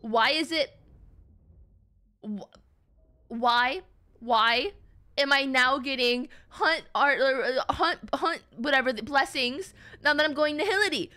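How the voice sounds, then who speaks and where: A woman game streamer with a high voice takes things slowly, pausing often as she chats casually during gameplay. Game music plays in the background while she playfully and animatedly talks to her viewers, calling them "gamers" and "guys."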